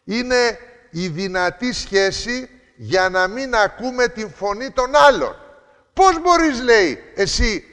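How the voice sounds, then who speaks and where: A man's voice: high voice, expressive, a bit bright, long reverb tail. An older man, a former teacher, giving a sermon in a storytelling manner, acting out the voices he quotes. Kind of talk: sermon to campers.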